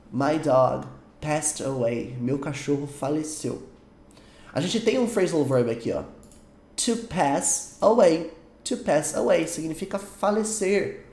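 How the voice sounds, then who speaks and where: A man with a Brazilian Portuguese accent giving an online English lesson, emphatic and repeating English examples slowly. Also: on the high side, a little mellow, reverberant. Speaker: English teacher.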